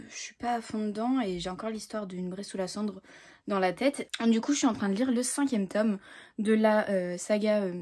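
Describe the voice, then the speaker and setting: A woman's voice: medium pitch, a little mellow. Chatty young Frenchwoman vlogging casually. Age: 20s. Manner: chatty, many fillers, self-mocking. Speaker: book vlogger. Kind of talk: casual vlog chat. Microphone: phone camera.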